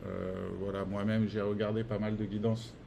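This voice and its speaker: A man's voice: fairly low pitch, little pitch movement, moderate pace, gravelly, background noise. A man giving a tarot card reading in casual, hesitant speech full of fillers and restarts, encouraging his listeners. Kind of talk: casual spoken guidance.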